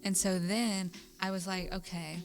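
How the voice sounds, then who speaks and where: A woman's voice: medium pitch, level tone, a little slow, soft background music. A young woman co-hosting a podcast, telling a rambling story in casual chat, with lots of "like" and frequent giggles. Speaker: podcast co-host.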